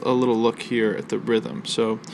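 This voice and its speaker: A man teaching a college literature lesson, explaining a poem's rhythm and imagery in a measured way with fillers and pauses. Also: lowish voice, flat delivery, slight background noise. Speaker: college instructor. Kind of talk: recorded literature lecture. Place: outdoors near a library.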